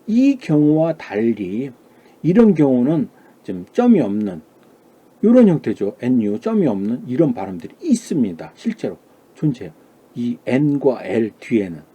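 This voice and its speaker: A man's voice: mid-range voice, sing-song, unhurried, mellow, slightly rough. A man giving a classroom lecture on Chinese pronunciation. He asks questions and answers them himself, and he sounds out model syllables.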